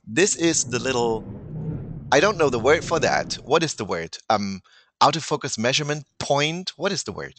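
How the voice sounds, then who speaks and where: A man's voice: medium pitch, fairly bright tone, no echo. A man with a German accent hosting an online webinar, speaking hesitantly and often searching for words. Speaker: webinar host.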